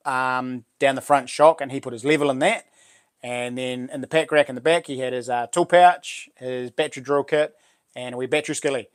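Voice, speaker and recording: A smooth, medium-pitched male voice belongs to a middle-aged livestream host. Broad New Zealand accent, laid-back and slangy, he talks to his viewers like mates.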